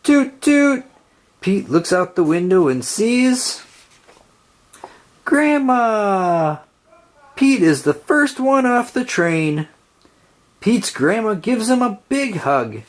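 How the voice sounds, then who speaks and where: Reading aloud from a children's picture book, a woman tells the story gently and slowly, her pitch moving in a lively way.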